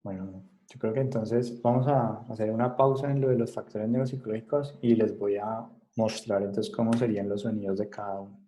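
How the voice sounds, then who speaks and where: A man giving an online class lecture over a video call. He talks haltingly, with many fillers and restarts, and often checks in with short questions. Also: fairly low pitch, fairly even intonation, warm tone, a little hiss or hum, rough recording. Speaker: psychology lecturer.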